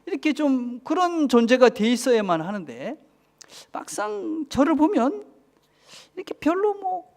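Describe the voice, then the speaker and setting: Man, pastor, Busan accent, sermon in church, very animated pitch, hushed asides. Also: unhurried. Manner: keeps asking the congregation for agreement, drops to a whisper for emphasis.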